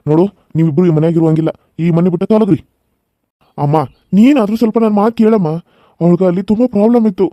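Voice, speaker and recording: A man's voice: high voice, mellow, no echo, close to an everyday voice. A man with a North Karnataka Kannada accent voicing an earnest young married son who pleads and explains in a cartoon serial.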